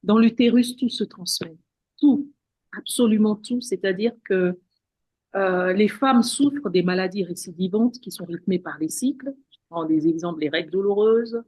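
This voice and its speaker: At normal speed, a woman with a mellow, mid-range voice speaks earnestly and spiritually as an interview guest. She's a women's wellness practitioner who often repeats words and restarts what she's saying, recorded dry.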